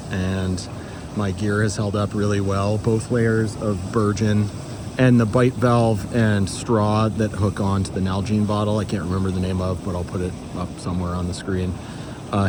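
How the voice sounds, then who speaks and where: A man casually narrating a winter hike and gear review in a plain-spoken way, talking outdoors while out on a snowy mountain trail. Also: lowish voice. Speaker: hiking vlogger. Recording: noisy outdoor ambience around the voice.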